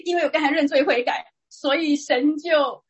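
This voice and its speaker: A middle-aged woman with a fairly high voice shares her church testimony. She tells it in a lively, conversational way, restarting sentences and piling up small asides as she goes. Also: moderate pace, highs cut off. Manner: lively, chatty retelling with frequent restarts and laughs. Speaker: person giving a church testimony. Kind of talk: personal testimony storytelling.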